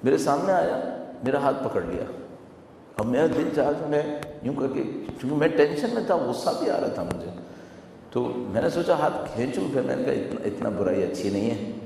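A man's voice: on the high side, big pitch swings, vocal fry, warm tone, a little hiss or hum. A man giving a sermon in a conversational, storytelling way, repeating phrases for emphasis. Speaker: religious preacher. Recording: echoey hall with long reverb.

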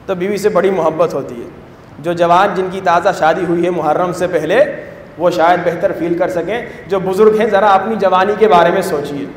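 A man preaching a fervent sermon in a high, ringing voice. He swings from loud exclamations to hushed, low asides. The sound is roomy, with a long hall reverb trailing each phrase. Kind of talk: impassioned sermon.

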